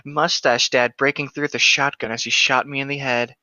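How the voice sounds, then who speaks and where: A man co-hosts a comedic book-reading show, bantering sardonically and mocking the text during a casual read-along. His medium-pitched voice is level, brisk, and sharp, captured on a dry, slightly muffled recording.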